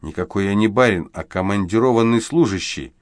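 A man voicing a guarded traveler who keeps his voice restrained and low, in an audiobook. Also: a little fast, no room sound, clean studio sound, natural voice. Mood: hushed. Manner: restrained, hushed. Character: guarded man under suspicion, trying to stay calm.

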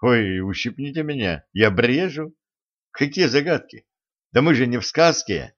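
A man's voice: medium pitch, animated, unhurried, pitched above the performer's own voice, lightly acted. A man voicing a stubborn male sorcerer who protests in disbelief and exasperation. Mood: incredulous. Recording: dull lo-fi recording.

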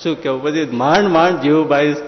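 A man's voice: a little high, brisk. A man, a swami, giving a Gujarati religious discourse, chanting verses and acting out the voices in his stories. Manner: animated storyteller, chants Sanskrit verses, acts out dialogue. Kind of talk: Gujarati katha sermon with storytelling. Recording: echoey hall, dull lo-fi sound, faint ambience.

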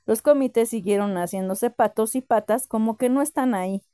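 Woman reading a story on the radio, mellow smooth voice, dry close sound. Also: fairly high pitch, normal speed, no echo. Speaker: radio reader.

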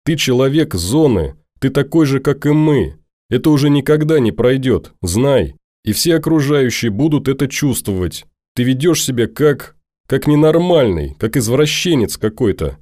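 A man's voice: mid-range voice, very animated, moderate pace, a little mellow, no room sound, studio quality, voice pushed up. A man voicing a young woman stalker who pleads and scolds insistently, his voice lifted a few notes above his own. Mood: angry.

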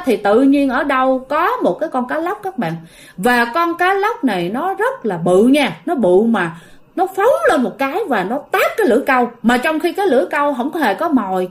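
A woman telling a ghost story in a chatty way, talking straight to her listeners. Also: high voice. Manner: chatty, addresses listeners directly.

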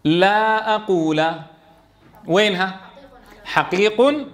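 Guy teaching tajweed to a room of students, high voice, keeps asking "ok?". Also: slow, fairly bright tone. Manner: explains step by step, checks in with students. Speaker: Quran teacher trainer. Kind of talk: classroom tajweed lesson. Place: classroom with students.

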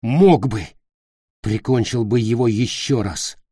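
A man's voice: medium pitch, slow, warm tone, husky, dry recording, studio quality. A man playing a furious young male leader who speaks harshly and with contempt. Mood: bitter.

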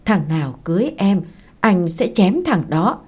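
A woman's voice: fairly low pitch, sing-song, a little slow, a little mellow, husky, full character voice. A woman voicing a drunken, stubborn ex-husband who pleads and insists. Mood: pushy.

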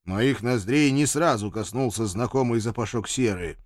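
A man reads a first-person story aloud in a wry, sardonic tone. His voice sits in a middle pitch. The sound is close and dry, with no room echo. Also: moderate pace. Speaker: audiobook narrator. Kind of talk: first-person audiobook narration.

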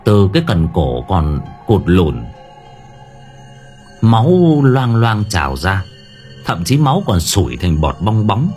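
A man's voice: low voice, very animated, slow, pauses often, darkish tone. A man narrating a horror story in a dramatic storytelling manner. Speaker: audiobook narrator. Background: faint background music.

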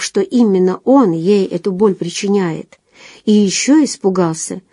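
Woman narrator, warm and relaxed, dry booth sound, steady storytelling. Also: medium pitch, no echo. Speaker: audiobook narrator. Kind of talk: scripted narration.

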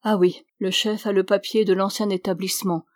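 A woman's voice: mid-range voice, flat delivery, fairly quick, a little mellow, dry recording, close to an everyday voice. A stern, outspoken old priest raises his voice in severe, indignant bursts, as a woman reads him in an audiobook. The sound is close and dry, with no room around it. He talks in a plain, everyday register. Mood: kindly.

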